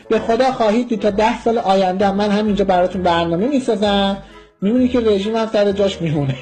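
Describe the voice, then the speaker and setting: A man's voice: high voice, dark tone. A man from Iran giving an impassioned political monologue, vehement and scornful, lecturing his listeners. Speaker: political commentator.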